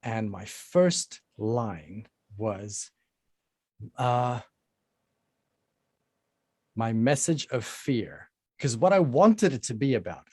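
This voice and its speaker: A man's voice: mid-range voice, a little mellow, dry recording. A man talking through a laptop mic, blunt and defiant, with lots of ums and restarts. His voice sits mid-range and sounds dry and close, with no room around it. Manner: blunt and defiant, with many fillers. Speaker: musician guest. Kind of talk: casual interview answers. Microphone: laptop microphone on a call.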